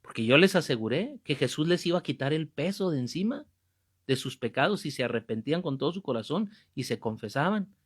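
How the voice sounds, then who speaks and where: A man in his fifties preaches through a Bible class with fervour, hammering home his points by repeating them. His voice sits a little high for a man. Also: sing-song, fairly quick, breathy edge. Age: 50s. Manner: fervent, emphatic, repeats key phrases.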